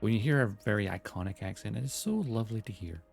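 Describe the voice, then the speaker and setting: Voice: medium pitch, animated, fast talker, creaky, soft background music. A game streamer giving playful, joking commentary and reading dialogue choices aloud. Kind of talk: casual live-stream commentary.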